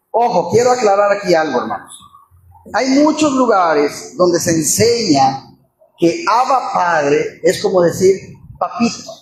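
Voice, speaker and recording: A man preaching an expository sermon, asking the congregation questions and acting out quoted voices. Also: high voice. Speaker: pastor. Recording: echoey room with faint ambient noise.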